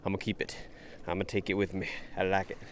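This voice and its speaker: An American man with a fairly low voice talks casually to his camera while exploring outdoors. He sounds like an excitable treasure-hunting vlogger, full of exclamations and playful musing. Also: very fast, a little hiss or hum. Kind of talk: casual outdoor vlog commentary. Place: outdoors along a wooded creek. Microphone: camera held at arm's length.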